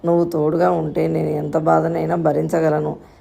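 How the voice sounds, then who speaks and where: A woman's voice: deep voice, flat delivery, normal speed, gravelly, mellow, husky, exaggerated voice. A woman reading the part of a fragile young wife who pleads through tears in a storybook tale. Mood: pleading. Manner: pleading, tearful.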